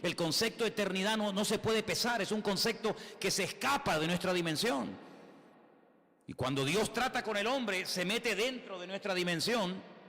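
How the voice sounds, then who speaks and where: A man's voice: high voice, moderate pace, fairly bright tone, long reverb tail. A man with a Spain Spanish accent preaching a sermon as a pastor, emphatic, full of rhetorical questions and repeated phrases.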